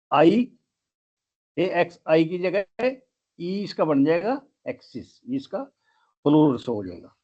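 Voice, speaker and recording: A man's voice: fairly high pitch, darkish tone, dull audio. A man teaching English grammar in a lesson, spelling words out letter by letter.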